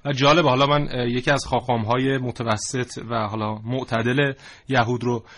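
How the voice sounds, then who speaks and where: Man, mid-pitched, talk show host, halting with pauses, studio discussion. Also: little pitch movement, fairly bright tone. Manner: halting, with many fillers.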